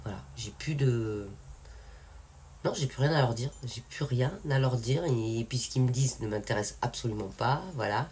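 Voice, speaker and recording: An independent singer from France who runs her own channel gives her viewers a casual, frank spoken update, rambling with plenty of fillers and restarts. Her bass voice has a darkish tone and moves at a moderate pace over slight background noise.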